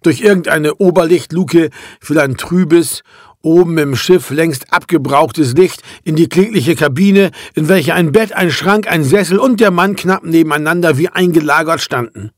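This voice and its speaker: A man reads a classic novel aloud in a measured, even narrating voice. His pitch sits somewhat high for a man, and the recording is dry and close with no room sound. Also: dry recording. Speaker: audiobook narrator. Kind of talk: scripted literary narration.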